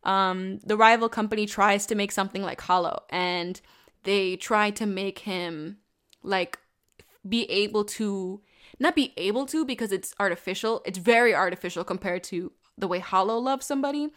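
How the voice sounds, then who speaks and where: A young woman casually reviewing a show in an animated, rambling way, swearing now and then and mocking characters in put-on voices. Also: medium pitch, normal speed, clear, resonant tone.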